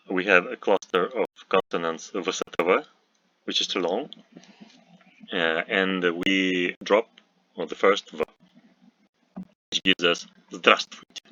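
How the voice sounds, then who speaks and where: Male language teacher, Russian accent, very low bright-edged voice, unhurried, muffled dry recording. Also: no room sound. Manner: slow and deliberate, with frequent "uh" pauses and repeated example words.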